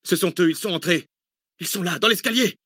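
A man voicing an urgent young man fleeing danger, shouting commands in an audiobook. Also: high voice, brisk, slightly rough, dry recording, studio quality, pitched above the performer's own voice. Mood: panicked. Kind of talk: audiobook character voice.

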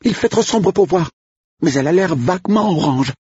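Odile, a man doing a shrieking excitable young cook. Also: high-pitched, moderate pace, breathy edge, no echo, lo-fi sound, pitched above the performer's own voice. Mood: shrill excitement. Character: excitable young woman cook, shrill, gossipy.

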